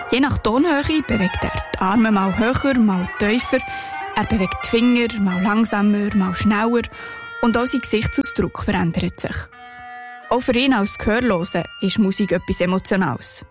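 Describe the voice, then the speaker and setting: A woman with a Swiss German accent and a medium-pitched voice narrates a scripted radio report, telling it calmly and clearly like a story.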